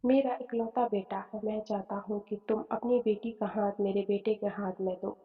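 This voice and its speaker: A woman's voice: medium pitch, fairly even intonation, moderate pace, breathy edge. A woman voicing a kindly, well-off older man who employs the bride's father, speaking in a reassuring, fatherly way. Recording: phone-like tone, long reverb, soft music.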